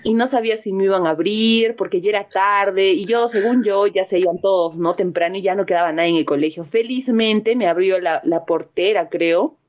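A young woman, casually telling a story to friends and acting out the voices with big jumps in pitch. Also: normal speed, hardly any pauses. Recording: dull lo-fi recording.

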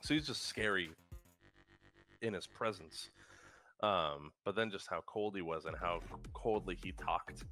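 A man's voice: low voice, unhurried, sharp tone, soft background music. A man co-hosting a podcast, telling stories in a rambling, profane way with many fillers. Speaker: podcast co-host. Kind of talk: casual podcast chat.

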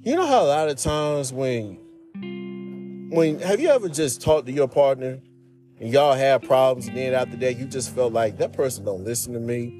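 A man's voice: mid-range voice, animated, normal speed, mellow, soft background music. A man talking earnestly and casually to his viewers, giving marriage and relationship advice and often calling them "man" and "y'all". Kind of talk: casual heartfelt advice talk.

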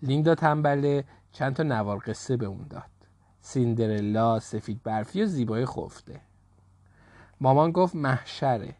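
A man reading a children's story aloud in a lively, expressive way. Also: mid-range voice, no room sound, clean studio sound.

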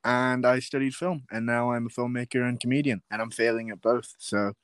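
A man's voice: mid-range voice, fairly even intonation, a little fast, clean tone, no echo. A man in his twenties with a Yorkshire accent, co-hosting a podcast in casual chat, wry and self-mocking, laughing often. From England. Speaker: podcast co-host.

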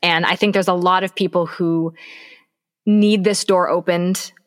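A woman's voice: lowish voice, fairly even intonation, measured pace. A woman co-hosting a business podcast, giving advice in an emphatic, coaching way and repeating her key points. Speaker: podcast co-host. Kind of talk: casual business podcast chat.

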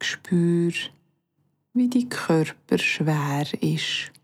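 Speaking with a Bernese Swiss German accent, a yoga nidra instructor leads a calm, soothing meditation. Her voice is lowish, with long pauses and phrases that trail off softly and breathily.

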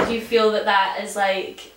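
A woman's voice: medium pitch, level tone, normal speed, noisy background. Female interviewer in an echoey room. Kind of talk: casual chat interview. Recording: echoey room, distant mic.

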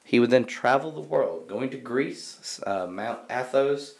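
A man's voice: medium pitch, lively intonation, a little slow, gravelly. A young man co-hosting a casual podcast, reading from notes with lots of fillers and easy laughter. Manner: reads notes with many fillers, laughs easily. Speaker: podcast co-host presenting the topic.

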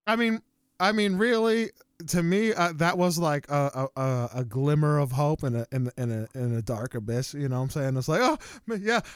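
A man's voice: on the high side, fairly even intonation, normal speed, smooth, dry recording, clean studio sound. A young man ranting animatedly in a casual chat, with exaggerated quoted voices.

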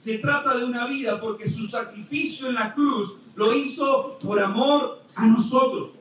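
Pastor, jokey sermon, high-pitched, very echoey hall. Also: male voice, a little slow. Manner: joking, animated preaching. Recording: echoey hall, distant mic, faint noise.

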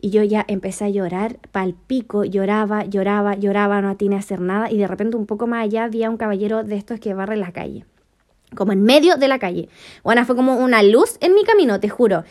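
A woman's voice: mid-range voice, quick pace. Slangy Chilean woman telling a story. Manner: slangy, swears a lot, animated storytelling. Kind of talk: casual chat.

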